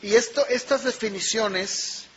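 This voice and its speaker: A man's voice: high-pitched, a little slow, highs cut off, a little hiss or hum. A man preaching a sermon, emphatic and full of rhetorical questions to the congregation. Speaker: pastor.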